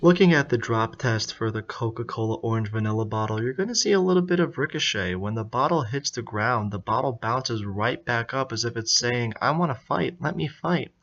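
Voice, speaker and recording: Young male host, mid-pitched, reads scores in a mock-formal way, slightly muffled lo-fi sound. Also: brisk, hardly any pauses, fairly bright tone. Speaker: drink reviewer. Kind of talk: product review narration. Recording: slightly dull lo-fi audio.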